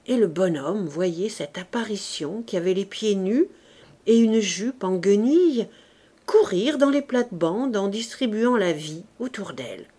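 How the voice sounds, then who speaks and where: A woman narrates a classic novel in a calm, deliberate reading voice. She takes a very slow, unhurried pace and lets each phrase settle before the next. Her pitch sits in an ordinary middle range. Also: breathy edge. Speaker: audiobook reader. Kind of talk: literary audiobook narration.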